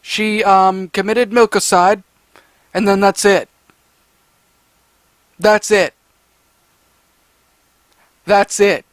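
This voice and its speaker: A man with a high-pitched voice, recorded dry and close, rants through his review of a horror story. He rambles, stammers and repeats himself, sounding exasperated as he picks the story apart. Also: level tone, extremely slow, pauses often, dry recording. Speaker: creepypasta reviewer. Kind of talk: ranting commentary.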